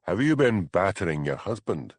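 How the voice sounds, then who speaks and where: A man as a quiet Highland policeman. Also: no echo. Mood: firm. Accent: Scottish Highland. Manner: quiet, flat, measured.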